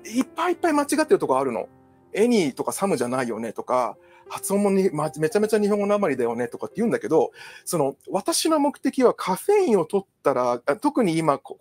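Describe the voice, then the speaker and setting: A man's voice: on the high side, darkish tone. A Japanese male counselor talking casually on his own, rambling with many fillers and asides. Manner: chatty, digressive, many fillers. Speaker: psychological counselor. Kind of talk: casual solo talk.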